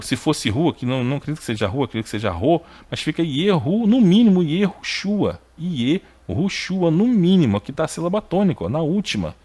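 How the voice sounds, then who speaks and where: In a video lesson on biblical Hebrew, a male teacher speaks emphatically and keeps checking in with short tags. His pitch leaps upward whenever he stresses a point.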